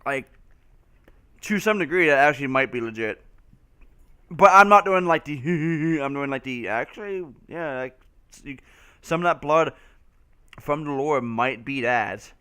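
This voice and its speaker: A young man playing a game with a friend, swearing often and breaking into excitable laughing outbursts. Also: fairly high pitch, a little slow, long pauses, clean tone. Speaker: gamer playing and co-hosting. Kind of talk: casual let's play banter.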